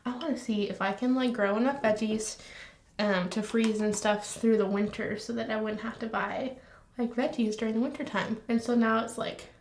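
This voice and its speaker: A young woman talking casually through a makeup tutorial at home, chatty and rambling, now and then dropping to a soft whisper. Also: a little high, fairly even intonation, moderate pace, a little hiss or hum. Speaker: beauty vlogger. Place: home room. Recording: echoey room.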